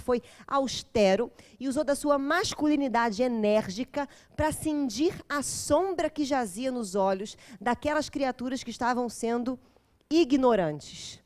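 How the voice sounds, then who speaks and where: A woman with a slightly high, darkish voice gives an intense, dramatic lecture to a live group at a parents' course. She quizzes her audience as she goes.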